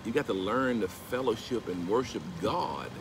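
Outdoors by a pool at a house, a middle-aged man holds his phone camera at arm's length and tells a story at normal speed in a fairly low voice. His casual vlog shifts into animated, emphatic preaching when he quotes scripture, over steady outdoor background noise.

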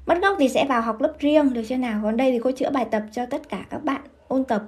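A woman's voice: sits high, a little mellow, breathy edge. A woman English teacher from Vietnam, running a live-streamed grammar lesson and keeping her viewers engaged by asking them to confirm as she goes. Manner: brisk, keeps asking students to confirm.

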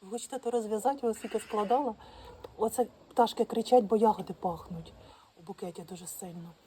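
A woman talking casually and with great excitement straight to her viewers, full of exclamations. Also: mid-range voice, quick pace, a little hiss or hum. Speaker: vlogger arranging flowers. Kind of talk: casual how-to chat. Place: outdoors at home, birds nearby.

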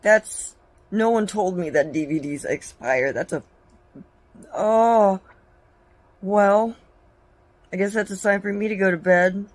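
Here the young adult vlogger talks casually from her living room into a phone camera at arm's length, bubbly and self-deprecating. She speaks at medium pitch, slowly, pausing often.

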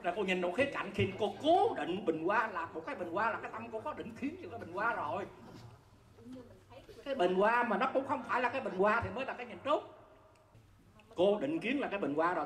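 With a fast, animated delivery and a medium-pitched, fairly bright voice, a Buddhist teacher gives a dharma talk to an audience in a conversational style. The teacher chuckles while explaining and often asks if listeners follow the point, in a recording with roomy echo and faint background noise.

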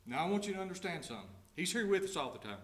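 A man delivering a sermon in a church sanctuary, his fairly high voice ringing off the walls of a reverberant room. He reads scripture at a slow, measured pace, then retells it in plain everyday words and puts direct questions to the congregation. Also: sing-song. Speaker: pastor.

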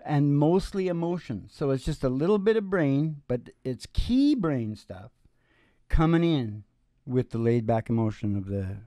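He's a musician in his sixties hosting from a small indoor stage with a curtain, his voice caught by a close stand microphone as live acoustic guitar picks behind him. Medium-pitched and mellow, with lively intonation and an unhurried pace, the recording is dry and clean studio sound, and his laid-back, folksy storytelling wanders off into asides.

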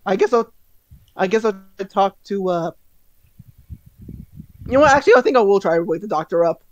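A man's voice: high-pitched, expressive, moderate pace, highs cut off. A man playing in a tabletop game, talking in a hesitant way with chuckles and frequent restarts. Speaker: player. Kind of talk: in-character tabletop play.

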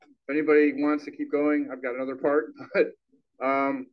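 A man giving a relaxed, conversational public talk into a handheld microphone in a small meeting hall. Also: a little high, normal speed. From Chicago, Illinois. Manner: relaxed, conversational, laughs easily. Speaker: guest lecturer, sociology professor. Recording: dull lo-fi sound.

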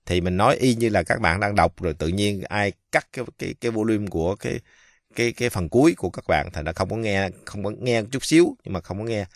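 A man from Vietnam giving a casual pronunciation lesson, speaking slowly and haltingly with many fillers and drawing out the example words. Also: lowish voice, animated, dry recording. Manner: slow, halting, many fillers, repeats French words drawn out. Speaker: French teacher.

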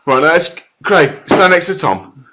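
A man's voice: on the high side, very animated, unhurried. A man casually bantering and swearing as he hosts from behind the camera, teasing his friends. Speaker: cameraman and host of a friends' chilli challenge. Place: indoors in a small house. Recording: noisy handheld camera in a room.

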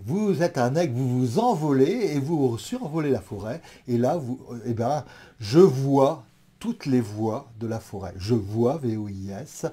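Dark husky-voiced man lecturing. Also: medium pitch. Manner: thoughtful, many hesitations and restarts. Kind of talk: explanatory talk to an audience.

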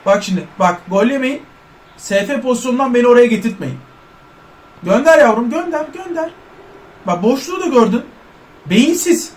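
A man giving loud, excitable gameplay commentary, joking in first person as an overweight footballer and cursing at his teammates. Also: extremely high pitch, normal speed, long pauses. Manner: loud, excitable, trash-talks and curses at teammates. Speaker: gaming YouTuber.

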